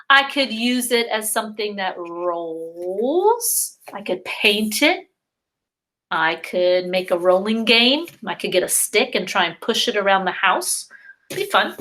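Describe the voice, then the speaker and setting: A woman preschool teacher leading a virtual circle time for young children, talking slowly and drawing out words in a sing-song way. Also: medium pitch, pushed and bright.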